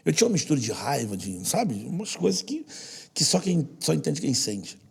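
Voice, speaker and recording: Very husky, gravelly Brazilian man. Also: on the high side, wildly swooping pitch, normal speed. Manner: earnest, heartfelt, drops to a soft hush at times. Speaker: podcast guest, social project leader. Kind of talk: personal storytelling in conversation.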